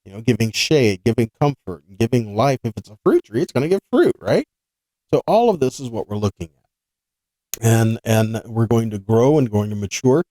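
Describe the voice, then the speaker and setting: A Bible teacher hosting a weekly scripture study explains things in an informal, earnest sermon style, asking rhetorical questions, checking in with listeners and repeating points. His mid-range voice is warm and animated at normal speed, in a low-quality recording with no echo.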